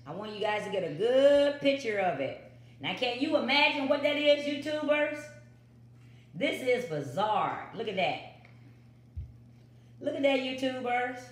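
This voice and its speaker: A woman's voice: on the high side, animated, a little slow, pauses often. Chatty woman vlogging in an echoey kitchen. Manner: chatty, repeats catchphrases to viewers. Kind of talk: casual home cooking vlog. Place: home kitchen. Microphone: built-in phone mic on the counter.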